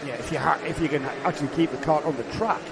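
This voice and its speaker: A man's voice: a little high, fast, vocal fry, noisy background. A man commentating live on a kart race, explaining the racing and teasing his co-host. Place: outdoor kart track commentary point.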